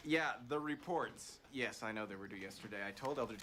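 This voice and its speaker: A man's voice: mid-range voice, background noise, natural voice. A young man playing a vain, eager missionary who talks keen to please. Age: young adult.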